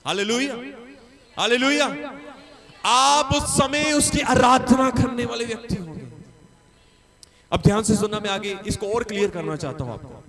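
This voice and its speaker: A man's voice: extremely high pitch, moderate pace, pauses often, crowd noise. A man preaching a sermon as a pastor, emphatic and repetitive, with frequent calls of hallelujah.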